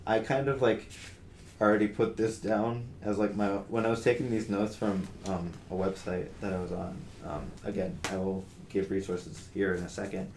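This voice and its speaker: A man's voice: fairly low pitch, flat delivery, moderate pace, a little mellow. A young man co-hosting a podcast in casual discussion, talking earnestly with many fillers and restarts. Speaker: podcast co-host. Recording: roomy with faint noise.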